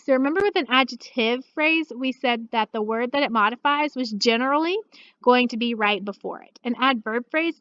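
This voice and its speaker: A woman teacher walking students through a recorded grammar lesson, patient and steady, checking in often with "okay.". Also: on the high side, dry recording, lo-fi sound. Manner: patient, steady, uses many "okay" and "all right" check-ins. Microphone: computer mic.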